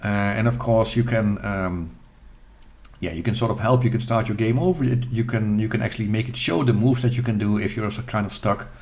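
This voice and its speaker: Low-voiced middle-aged man, halting and self-deprecating. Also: a little mellow. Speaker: retro gaming channel host. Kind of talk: casual gameplay voice-over.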